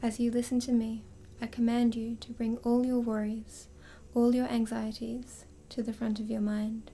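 A woman hypnotist leading a slow, soothing induction, drifting in and out of a whisper. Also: fairly high pitch, little pitch movement, warm tone, slight background noise.

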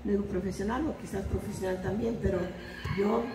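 An older woman with a Salvadoran Spanish accent, judging a singer with gentle, halting praise. She sounds a little distant from the mic, with a roomy echo. Noise from the venue carries clearly behind her. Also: mid-range voice, fairly even intonation. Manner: kind, hesitant praise. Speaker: contest judge. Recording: distant echoey mic, noisy.

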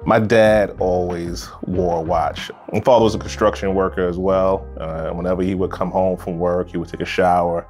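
A man tells his story as an interview guest. He speaks slowly and easily, with lots of fillers. His voice sits very low, and soft music plays faintly underneath. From Brooklyn, New York. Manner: relaxed, unhurried, frequent fillers. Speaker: interview guest, watch collector.

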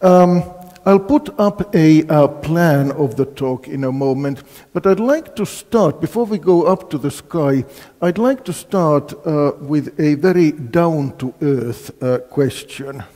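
An older Finnish man with a slow, dark-toned voice on the high side gives a university physics colloquium in a lecture hall. He quizzes his audience and fills his speech with fillers, and the recording carries a long hall reverb.

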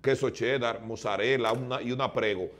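A man with a Dominican accent, arguing emphatically as a TV panelist in a lively studio debate. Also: mid-range voice. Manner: emphatic, insistent, lists items rapidly.

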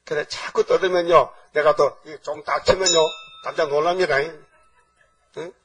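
An older man preaching, his voice husky and a bit breathy. He talks emphatically and keeps tossing short rhetorical questions at the congregation. He sounds a little far from the microphone. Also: fairly high pitch, fairly even intonation, moderate pace, a bit bright. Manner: emphatic, peppers talk with rhetorical checks to the congregation. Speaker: pastor. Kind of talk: sermon. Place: church sanctuary. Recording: voice from far off the mic.

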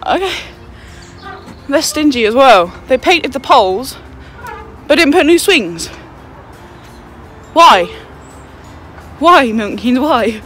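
A woman's voice: sits high, sing-song, slow, long pauses, a bit bright, a little hiss or hum. A young woman, out of breath, chatting and swearing casually to her phone in a park as a vlogger. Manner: chatty, swearing, frequent laughs. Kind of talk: casual vlog chat. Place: outdoors in a town park. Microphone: handheld phone.

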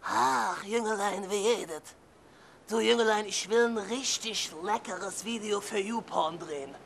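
A man's voice: sits high, a little slow, vocal fry, fairly bright tone, slight background noise, heavily acted. A man voicing a leering, lecherous older man on the phone, with a relishing way of talking. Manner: drawling, relishing, coos "Jüngerlein".

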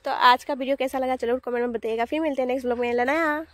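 A woman in her thirties hosts a casual family vlog from her home. Her voice sits a bit higher than most. She chats fondly and repeats words in an affectionate way. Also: flat delivery, racing, a little hiss or hum. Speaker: vlog host and mother.

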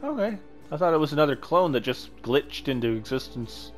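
A man giving casual let's-play commentary, reacting out loud to the game and talking to himself and the enemies. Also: fairly high pitch, big pitch swings, fairly quick, music in the background. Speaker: gameplay commentator.

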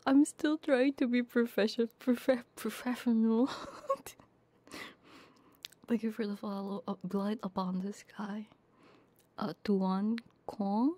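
Crying while she laughs, a woman with a fairly high voice hosts her livestream in a casual, flustered way, apologizing and mocking herself as she fades into gentle whispers. She's an ASMR streamer and Vtuber, speaking close into a binaural ASMR mic.

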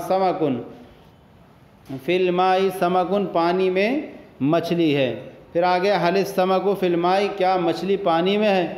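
A man's voice: high voice, darkish tone, reverberant. A man teaching an Arabic grammar lesson, repeating each phrase and translating it step by step. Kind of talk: classroom lesson explaining Arabic in Urdu.

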